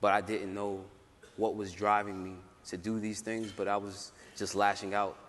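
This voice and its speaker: A man's voice: on the low side, little pitch movement, moderate pace, a bit bright. Young man telling his story on a panel. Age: young adult. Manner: casual, many "like" fillers, laughs often. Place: conference hall. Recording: roomy hall, faint ambience.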